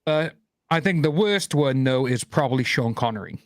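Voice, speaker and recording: A man's voice: mid-range voice, expressive, normal speed, no echo, studio quality. A man with a Welsh accent hosting a casual podcast chat, rambling with many restarts and fillers. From Wales. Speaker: podcast host.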